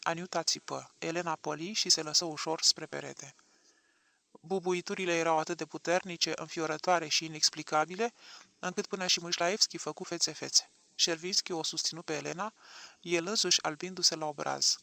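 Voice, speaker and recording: A man narrating an audiobook with an expressive, dramatic reading. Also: on the high side, creaky, no echo.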